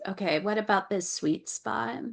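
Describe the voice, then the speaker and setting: A woman's voice: medium pitch, measured pace, gravelly. A woman giving a channeled Akashic Records reading over a video call. She relays what her guides say, often repeats phrases and stops to ask them questions.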